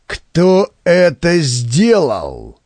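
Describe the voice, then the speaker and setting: A man voicing a gruff, bullying male policeman who interrogates a crowd. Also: a little high, very animated, dry recording, clean studio sound, exaggerated voice. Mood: interrogating. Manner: menacing, slow and commanding.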